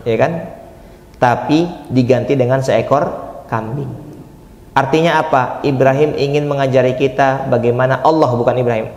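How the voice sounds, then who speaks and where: Man preaching in an echoey hall. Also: medium pitch. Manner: conversational, asks the audience questions and answers them. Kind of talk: sermon.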